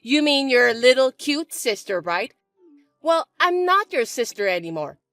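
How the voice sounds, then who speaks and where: A woman putting on a shrill, spiteful stepsister. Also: expressive, a little slow, no echo, soft background music, heavily acted. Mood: mocking. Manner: shrill, mocking and shouty. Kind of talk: chat-story voice acting.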